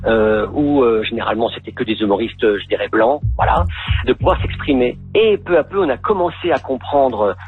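A man talks in a reflective, hesitant way, pausing often as he thinks aloud. The sound is thin and phone-like, with faint music under him. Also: medium pitch, slightly rough. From Belgium. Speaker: comedian. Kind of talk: interview.

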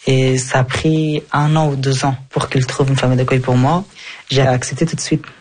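A young man from Afghanistan giving a calm personal account in an interview, speaking carefully and correcting himself as he goes. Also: medium pitch, normal speed. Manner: careful speech with self-corrections and fillers.

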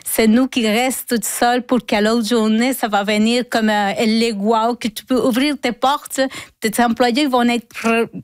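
A woman's voice: on the high side, steady tone, unhurried, no echo. A woman from Colombia, a cleaning worker being interviewed in a radio studio, searching for her words with many fillers. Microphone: studio microphone.

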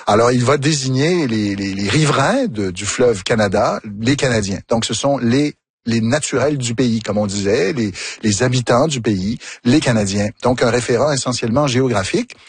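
A man, a historian guest on a radio show, explaining thoughtfully with pauses. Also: mid-range voice, expressive, slightly rough, no room sound. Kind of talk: radio interview. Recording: dry, close studio mic.

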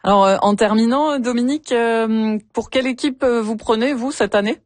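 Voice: medium pitch, moderate pace, no echo. A radio host interviewing a guest and leading into a music segment.

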